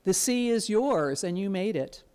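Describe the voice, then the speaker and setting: A woman's voice: medium pitch, a loud crowd. Woman reading scripture aloud. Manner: measured, even reading. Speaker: lector. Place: church.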